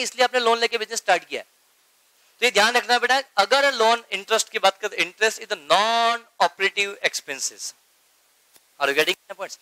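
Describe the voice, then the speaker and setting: A man's voice: sits high, bright, forceful tone, dry recording, rough recording. A man teaching an accounting class, repeating key terms and checking again and again that his students follow along. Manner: keeps asking students if they follow, calls them beta; mixes Hindi with English accounting terms. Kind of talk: classroom lecture.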